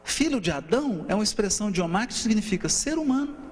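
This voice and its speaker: In a reverberant hall with a slight hum, a man with a high voice and a Brazilian Portuguese accent lectures quickly at a seminar. He counts out rhythms, asks rhetorical questions with animation, and keeps adding "né?".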